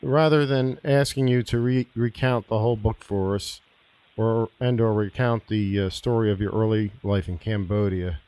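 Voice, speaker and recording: A man's voice: on the low side, moderate pace, a little mellow. Courteous male radio interview host. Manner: courteous, with some fillers.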